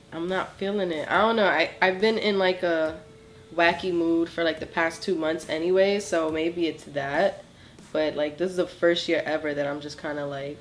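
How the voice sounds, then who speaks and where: A beauty vlogger in her twenties talks through a casual makeup tutorial in a small home studio, her low voice nasal from a cold. She's apologetic and full of ums and likes, and a little hiss or hum sits in the background.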